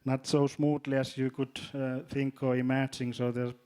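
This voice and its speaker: A man from Finland with a Finnish accent, speaking as a panelist in a hesitant way, often repeating words and filling pauses. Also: medium pitch, flat delivery, mellow, clear, resonant tone. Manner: halting, repeats words, many fillers. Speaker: panelist, drone company executive. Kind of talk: panel discussion.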